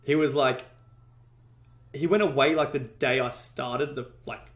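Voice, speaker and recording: A man's voice: medium pitch, fairly even intonation, a little slow, reverberant. Rambling man telling business stories. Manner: rambling, heavy "like" fillers, frequent swearing. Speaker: podcast guest, ecommerce entrepreneur. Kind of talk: casual storytelling interview.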